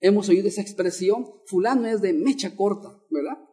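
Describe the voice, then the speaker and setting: A man preaches a teaching sermon, stopping to repeat key words and put questions to the congregation. His voice sits high for a man yet sounds mellow and warm rather than bright. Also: a little fast. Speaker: pastor.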